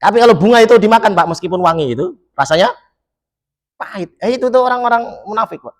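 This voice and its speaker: Lively preacher quizzing his congregation. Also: high voice, fast. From Solo, Central Java. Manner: recites Arabic phrases then explains them. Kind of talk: mosque sermon.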